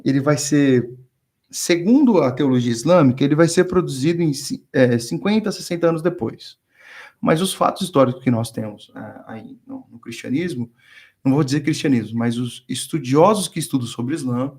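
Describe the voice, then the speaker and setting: A man from Brazil speaks in a relaxed, conversational teaching style. He tells anecdotes and acts out the voices of the people in them. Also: mid-range voice. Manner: storytelling, acts out quoted dialogue. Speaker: guest speaker on theology.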